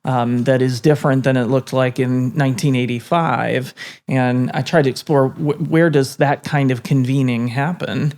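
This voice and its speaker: Guy hosting a podcast, mid pitch, thoughtful and kind of halting, lots of ums. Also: fairly even intonation, a little mellow. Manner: reflective, halting, many fillers. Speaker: podcast host. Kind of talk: casual interview talk.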